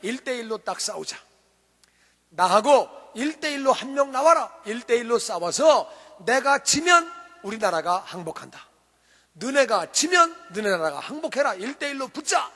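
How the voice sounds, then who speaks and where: Huge boastful giant, loud and jeering, high and strained, put on by a preaching man; long hall echo. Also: very animated, moderate pace, full character voice. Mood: taunting. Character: huge taunting enemy giant warrior, male, boastful.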